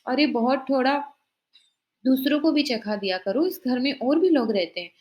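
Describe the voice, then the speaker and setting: A woman voicing a suspicious, sharp-tongued older mother-in-law who scolds her daughters-in-law. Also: high-pitched, animated, moderate pace. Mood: scolding. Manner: scolding, accusing.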